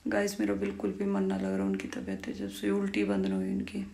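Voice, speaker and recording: Soft-spoken young woman with gravelly voice. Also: medium pitch, very animated, a little fast. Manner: speaks softly at night, often whispering. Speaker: vlogger. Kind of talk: casual home vlog. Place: home kitchen and bedroom at night. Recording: noisy home phone recording.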